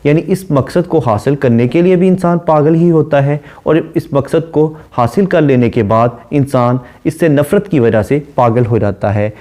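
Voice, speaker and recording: Male lecturer, mellow warm tone, measured explanatory delivery. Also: fairly high pitch. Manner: reads verse lines slowly, then explains in measured prose. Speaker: literature lecturer.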